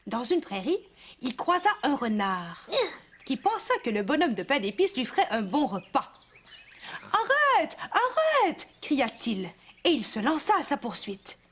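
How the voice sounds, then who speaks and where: A woman with a Quebec French accent reading a children's story aloud as a mother, with animated expression, in a kids' cartoon. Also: a little high, normal speed, breathy edge.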